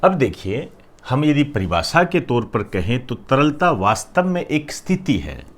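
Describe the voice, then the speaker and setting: A man giving a classroom lecture, explaining terms step by step and often checking in with "clear?". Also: mid-range voice, sing-song, unhurried. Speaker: teacher.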